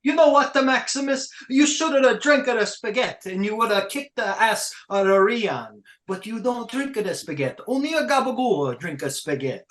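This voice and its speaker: A man's voice: very high voice, animated, moderate pace, hardly any pauses, a bit bright. A man voicing a brash, boastful Italian-American mobster wrestler in a comedic podcast bit, with a put-on accent and exaggerated broken English. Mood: indignant. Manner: boastful, trash-talking.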